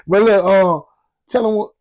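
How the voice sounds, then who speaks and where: A man's voice: a little high, a little mellow, dry recording. A man hosting a podcast in a casual, slangy way, with plenty of swearing and verbal tags. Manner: slangy, heavy swearing, frequent "you know". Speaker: podcast host. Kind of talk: casual chat.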